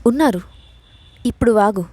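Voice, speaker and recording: A woman's voice: fairly high pitch, expressive, normal speed, mellow, slightly rough, no room sound. Bold sneering young boss, as a woman narrator reads her. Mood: taunting. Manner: mocking, commanding.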